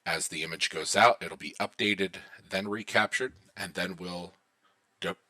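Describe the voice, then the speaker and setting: A man walking through a software deployment lab as an IT instructor, talking casually to viewers while he watches installs and often pausing on fillers. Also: sits low. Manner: relaxed, thinking aloud while watching installs. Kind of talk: screen-recorded tech tutorial narration.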